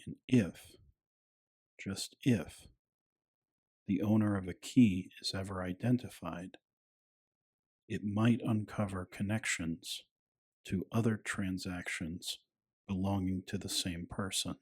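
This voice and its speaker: A man narrating a scripted bedtime piece in a hushed, soothing, soft-spoken ASMR style with a breathy voice. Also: low-pitched, steady tone, slow pace, pauses often.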